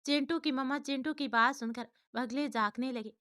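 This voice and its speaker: A woman tells a family story in steady scripted narration. Her voice is high and very bright. The sound is dry and close, with no room around it. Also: moderate pace, no echo.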